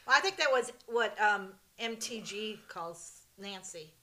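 A woman's voice: mid-range voice, lively intonation, a little slow, sharp tone, slight background noise. A woman co-hosting a casual political chat in a matter-of-fact way. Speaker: talk show co-host.

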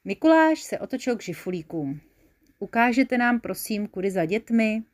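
A woman's voice: fairly high pitch, very animated. Playful woman telling a children's story.

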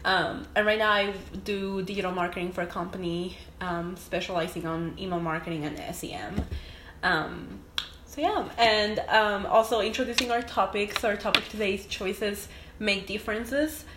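A young adult woman from Mexico appears as a podcast guest, chatting in a relaxed, thoughtful way with frequent ums. Her voice is mid-range at normal speed, recorded in an echoey room with faint noise.

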